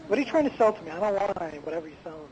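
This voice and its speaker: A man's voice: high voice, expressive, very fast, highs cut off, background noise. A man calling in from a hallway over a clipping internet line, bantering casually and teasing the hosts. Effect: voice coming over a clipping internet call line. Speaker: call-in co-host.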